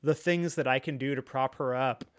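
Speaking at a normal speed in a steady, clean, mid-range voice, a podcast guest candidly shares a personal story. His talk is rambling, earnest and reflective, full of "like" and "you know."

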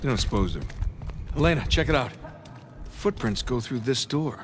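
A man's voice: mid-range voice, animated, normal speed, soft background music, lightly acted. A man playing a wry, teasing treasure hunter in a naturalistic video game performance. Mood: focused. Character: wry adventurous male treasure hunter, climbing through ruins.

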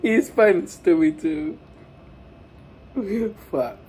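A man reacts out loud to comedy clips, laughing hard and cursing at each joke. He talks slowly and unhurriedly, and his pitch swings widely from low mutters to high yelps. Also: lively intonation, breathy edge. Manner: laughs often and swears, talks back at the screen. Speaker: reaction video host. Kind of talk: casual reaction commentary.

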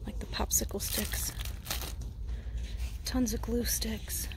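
A woman in her thirties in a whispered role-play, softly pointing out items while walking store aisles with a handheld phone. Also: on the high side, steady tone, takes it slowly. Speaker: vlogger. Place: indoor retail store aisles.

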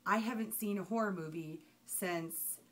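A young woman vlogger reviews a movie to the webcam on her desk in a small room at home lined with shelves. She's chatty and emphatic, with animated hand gestures and sudden outbursts, speaking in a mid-range voice at a moderate pace.

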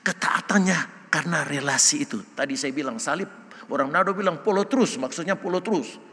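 An older male pastor preaching a sermon in a church, loud and joking, often asking the congregation questions. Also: a little high, brisk. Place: church sanctuary. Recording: long church hall reverb.

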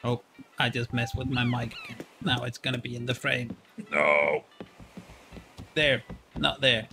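Speaking at a measured pace in a creaky mid-range voice against a noisy background, this forties-aged streamer plays a game and talks to his chat. He wears a headset in a small room and keeps things playful and chatty.

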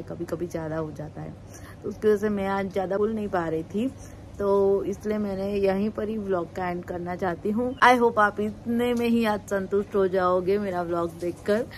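A woman's voice: mid-range voice, darkish tone, a little hiss or hum, rough recording. A woman in her thirties with a Gujarati accent and a sore throat, chatting casually in a family vlog from home. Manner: chatty, talks sweetly to her little son. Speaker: vlogger. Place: home, looking out at rain.

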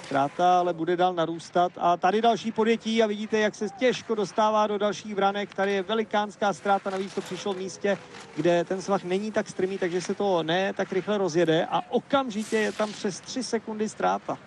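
A man giving live, measured ski race commentary, analytical and hesitating now and then. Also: high voice, fairly even intonation, slight background noise.

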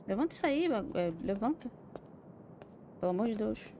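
A woman's voice: a little high, lively intonation, moderate pace, warm tone, a little hiss or hum. A Brazilian woman streaming a horror game, talking to herself in casual commentary, swearing often and jumping at scares. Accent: Brazilian Portuguese. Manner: swears a lot, jumpy and exclamatory.

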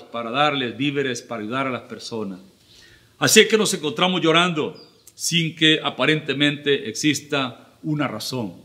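A middle-aged man, preaching an earnest, measured sermon with pauses as pastor. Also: medium pitch, pushed and bright. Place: church livestream.

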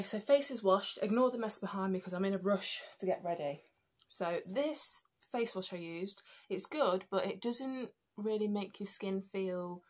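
A young British woman with a slightly stuffy nose chats casually through her skincare routine at home, with plenty of ums and restarts. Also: medium pitch. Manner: chatty, many ums and restarts. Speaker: beauty vlogger.

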